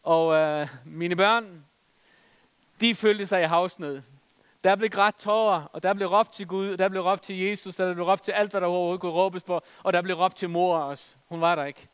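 A man's voice: high-pitched, steady tone, smooth, long reverb tail. A middle-aged man preaching a sermon, telling stories with humor and reading scripture with emphasis.

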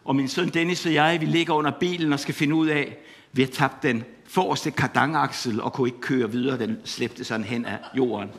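A middle-aged man preaching a sermon, passionate and full of repeated exclamations, telling stories from his life. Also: mid-range voice. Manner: impassioned, repetitive exclamations; storytelling with laughter.

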